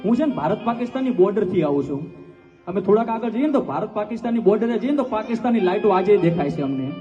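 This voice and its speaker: A man's voice: high voice, expressive, very fast. A man, telling folk stories at a live stage show, emphatic and repeating his phrases as he keeps addressing the crowd. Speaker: folk storyteller at a live dayro. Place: outdoor festival stage. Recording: echoey live stage audio from far, dull, faint guitar.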